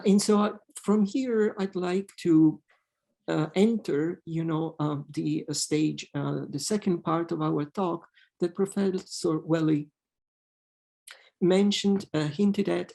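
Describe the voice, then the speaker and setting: A man giving an academic lecture on poetry as a professor, speaking haltingly with many pauses and fillers. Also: a little high, fairly even intonation, gravelly, warm tone.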